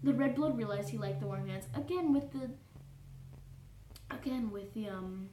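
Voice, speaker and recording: A woman's voice: medium pitch, moderate pace, dark tone, lightly acted. A woman voicing a prim, fussy young male troll who reads aloud in a pedantic, formal way, always correcting and apologizing. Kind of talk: cosplay character reading fanfiction aloud. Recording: roomy echo, distant mic, faint noise.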